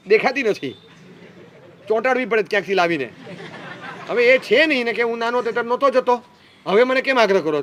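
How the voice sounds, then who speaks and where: A man's voice: very high-pitched, fairly bright tone, a little hiss or hum. A man giving a humorous sermon to young people, teasing and playful, mimicking parents and teenagers as he goes. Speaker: speaker addressing young people.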